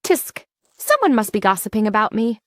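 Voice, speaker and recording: A woman's voice: on the high side, huge pitch swings, moderate pace, dry recording. Woman doing a snarky drama-queen villain guy, mock polite, dry close sound. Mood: indignant whining. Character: theatrical sarcastic young male villain.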